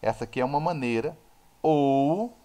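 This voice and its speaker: A man with a Brazilian Portuguese accent teaching physics in a live online class, explaining eagerly and answering his own questions, his volume swinging from soft to loud. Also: medium pitch, normal speed, smooth. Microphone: video call.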